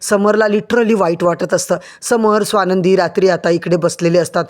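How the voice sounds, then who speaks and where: A man with a notably high voice tells a dramatic TV soap opera recap. He talks straight to the viewers and builds up each twist with emphasis. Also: steady tone, moderate pace. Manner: dramatic, addresses viewers directly. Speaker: narrator. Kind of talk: serial recap narration.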